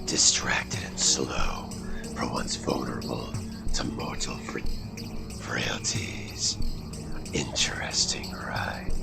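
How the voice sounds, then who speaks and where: A man voicing a sinister male killer bird creature in a deep, breathy whisper with a slow, distinct cadence. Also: fairly even intonation, loud music behind the voice, full character voice. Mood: menacing whisper.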